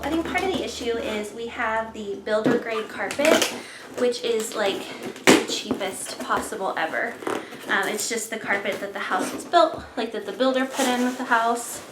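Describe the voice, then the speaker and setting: A young woman, chatting excitedly to camera at home, a bit out of breath. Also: on the high side. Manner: bubbly and excited, chatty with many fillers. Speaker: home cleaning vlogger. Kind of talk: casual chat to camera. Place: home bedroom, indoors. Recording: echoey room with clear background noise.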